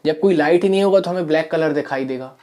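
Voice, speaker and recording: Guy teaching science quietly, lots of uh and repeating himself, small room. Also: a little high, fast. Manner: explains step by step with many fillers and repeats; soft-spoken. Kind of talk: classroom lesson. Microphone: camera mic.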